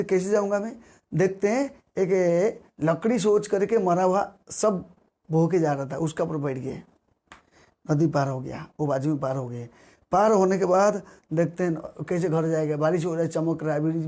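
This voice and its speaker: A man preaching a devotional sermon, repeating his key words and rising in pitch on the words he stresses. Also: mellow.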